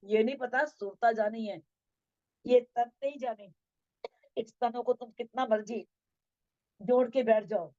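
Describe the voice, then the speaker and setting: A woman giving a devotional talk on scripture, chanting verses slowly and then explaining them in plain speech. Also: on the high side, darkish tone, dry recording. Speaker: scripture teacher. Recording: dull lo-fi sound.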